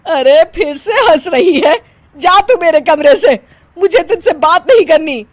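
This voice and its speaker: A woman's voice: mid-range voice, animated, unhurried, darkish tone, slight background noise, voice pushed down, lightly acted. A woman voicing a fussy middle-aged mother-in-law in a cartoon, scolding and easily offended. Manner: scolding, exasperated.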